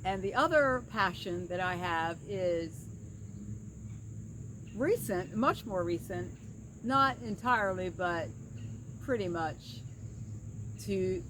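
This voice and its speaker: A woman's voice: on the low side, slow, pauses often. Middle aged lady vlogging outside, kinda rambly and earnest, slightly slurred like half her mouth is numb, bugs and nature noise going. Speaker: vlogger and pastoral counselor. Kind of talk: casual personal vlog. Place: outdoors by a creek. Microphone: camera at a short distance. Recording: outdoor creekside with clear insect and ambient noise. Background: insects and woodland ambience.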